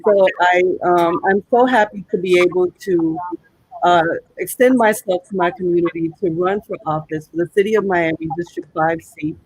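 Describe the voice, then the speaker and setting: A woman's voice: lowish voice, moderate pace, husky, dry recording, low-quality recording. A woman introducing herself as a candidate in a chatty way, with asides. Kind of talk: self-introduction.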